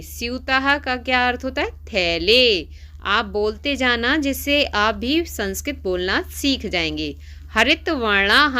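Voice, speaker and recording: A woman teaches young pupils a language lesson and coaxes them to say each word back after her. Her voice is bright and fairly high. She speaks slowly and deliberately. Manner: coaxing, asks pupils to repeat after her. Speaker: Sanskrit teacher. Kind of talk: classroom lesson for schoolchildren.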